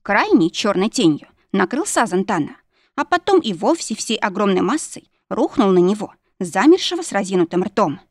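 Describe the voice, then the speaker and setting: A woman's voice: mid-range voice, big pitch swings, moderate pace, dry recording, clean studio sound. A woman narrating a fantasy story aloud, putting on voices for the characters she quotes. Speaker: audiobook narrator.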